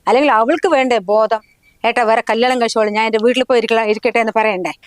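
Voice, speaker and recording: A woman's voice: a little high, fairly even intonation, very fast, no room sound, lightly acted. A middle-aged woman playing a nagging mother-in-law who scolds harshly in a family short film. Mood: scolding.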